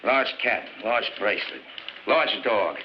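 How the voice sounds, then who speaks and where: An actor playing a gruff, sarcastic veteran police captain, an older man trading screwball comedy banter in a 1950s film. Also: on the low side, lively intonation, slow pace. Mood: dry, impatient. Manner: wisecracking, gruff, slangy. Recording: dull, noisy 1950s film soundtrack.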